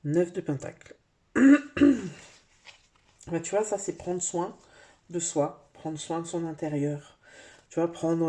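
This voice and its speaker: With a low voice and dark tone, a tarot card reader whose first language is French addresses the viewer directly. The reading is casual and chatty, sprinkled with fillers.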